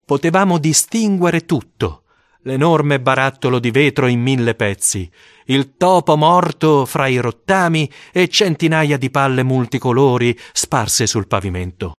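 A man narrating a first-person story for an audiobook, with dramatic, expressive storytelling. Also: medium pitch, a little slow, no room sound, studio quality.

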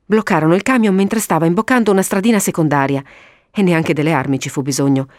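A woman narrating a detective story in an animated reading style. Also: lowish voice, fast, no room sound, clean studio sound.

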